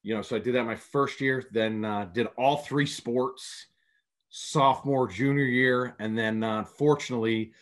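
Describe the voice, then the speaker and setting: A mid-range, steady male voice at a moderate pace belongs to a head prep basketball coach from upstate New York. As a guest on a video call, he answers questions in a meandering, anecdotal way with frequent restarts.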